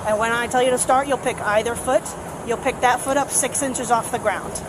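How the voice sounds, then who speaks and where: A woman's voice: a little high, fairly even intonation, a little fast. A woman police officer giving roadside test instructions in a patient but firm, procedural way, recorded on a body camera outdoors. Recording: noisy outdoor bodycam, traffic around.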